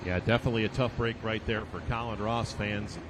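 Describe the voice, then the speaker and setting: A man's voice: little pitch movement, fairly quick. A man calling a live tractor pull as the event announcer, building up the competitors and their records. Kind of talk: live motorsport event commentary. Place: outdoor tractor pulling event. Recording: noisy outdoor event with engine rumble.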